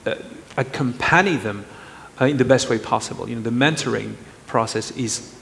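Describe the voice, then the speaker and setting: A man's voice: medium pitch, normal speed, gravelly, fairly bright tone. A male panelist speaking hesitantly with many fillers and slightly non-native phrasing. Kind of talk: panel discussion. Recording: reverberant hall with faint noise.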